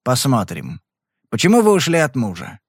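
A man voicing a calm, persistent male private detective in an audiobook, questioning in a blunt, probing way. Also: medium pitch, normal speed, no room sound, clean studio sound.

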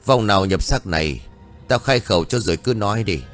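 A man's voice: lowish voice, animated, a little fast, faint music behind. Man doing a stern old village shaman woman. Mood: commanding. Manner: harsh, commanding.

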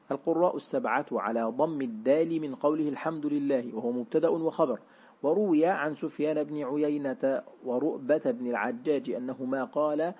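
A man with a husky, slightly breathy voice reads a classical religious commentary aloud in a steady, formal recitation. His pitch sits in an ordinary middle range. The recording is dull and lo-fi, with muted highs. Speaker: reader of a classical Quran commentary.

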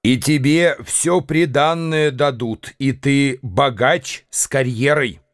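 A man's voice: medium pitch, takes it slowly, no room sound, clean studio sound. A man voicing a scheming, mocking young swindler who talks in a sly, wheedling way in a radio drama.

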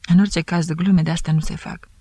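A woman's voice: lowish voice, steady tone, dark tone, slightly rough, no echo. A woman voicing a shaken, guilt-ridden man who speaks tensely in a cracked voice.

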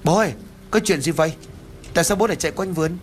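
A man's voice: fairly low pitch, animated, a little fast, soft background music, close to an everyday voice. A man voicing a worried grown son who speaks urgently and anxiously in a horror audiobook.

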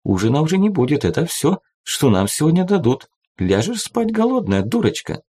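A man doing a high mocking young woman. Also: big pitch swings, normal speed, warm tone, husky. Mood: teasing. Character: teasing young woman at a feast.

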